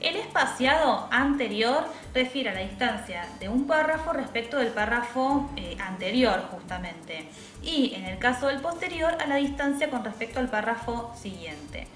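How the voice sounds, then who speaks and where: A woman teacher, patiently explaining a software tutorial step by step and checking in with tag questions. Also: a little high, animated, moderate pace. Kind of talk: screen-recorded software tutorial. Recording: echoey room with faint music.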